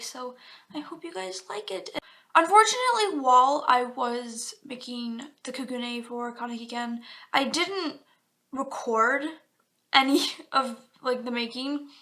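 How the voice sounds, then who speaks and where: A woman with a slightly high voice rambles through her cosplay build with loose, casual chatter. She mocks herself often and swears offhandedly, like a friend filling in a video. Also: normal speed, sharp tone. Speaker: cosplay vlogger. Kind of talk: casual chat and voiceover tutorial.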